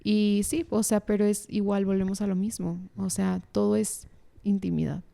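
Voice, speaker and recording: A young woman from Mexico, a podcast guest, sharing a personal faith testimony in a casual, earnest and animated way. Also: medium pitch, normal speed, gravelly. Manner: earnest, animated storytelling with laughs.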